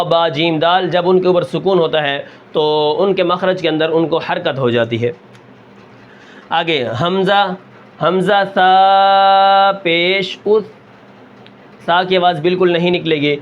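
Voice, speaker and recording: A man with a Pakistani Urdu accent teaching Quran reading, drawing out each example syllable slowly and then asking and answering his own questions. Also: high-pitched, a bit bright, dull audio. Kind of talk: slow drilled lesson with rhetorical questions.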